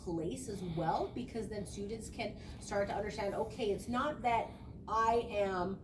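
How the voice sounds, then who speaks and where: Her voice is medium-pitched and a little slow: a young adult student teacher from a small rural town, presenting a spoken reflection to her class. She is an education student, earnest and conversational as she explains her ideas, recorded noisily from a distant mic in an echoey room.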